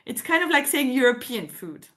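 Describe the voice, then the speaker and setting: A Belgian woman with a Belgian French accent co-hosts a summit live stream in a high-pitched, very animated, fairly bright voice at a moderate pace. She chats casually, laughs often and fills her speech with "um" and "like".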